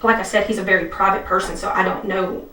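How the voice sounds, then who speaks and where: A woman's voice: medium pitch, flat delivery, quick pace, bright, forceful tone, distant mic, a little hiss or hum. A woman being questioned by detectives, rambling anxiously with many restarts. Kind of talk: police interview statement. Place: police interview room. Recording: echoey room, speaker off-mic.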